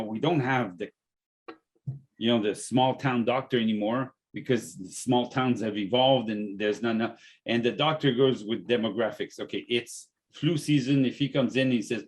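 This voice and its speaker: Halting man on a podcast. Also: medium pitch. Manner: halting, repeats words often. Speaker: podcast host and natural health business owner. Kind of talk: casual podcast chat.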